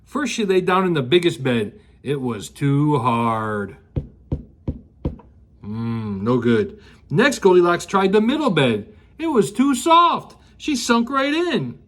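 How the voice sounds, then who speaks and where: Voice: medium pitch, very animated, a little slow, a bit bright, slight background noise. A storyteller in a rambling grandpa style, reading to children with folksy asides and questions. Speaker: children's story show host.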